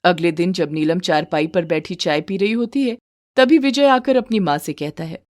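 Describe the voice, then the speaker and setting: A woman narrating a moral story for a cartoon in a steady, plain storytelling manner. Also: fairly low pitch, normal speed, no room sound, clean studio sound.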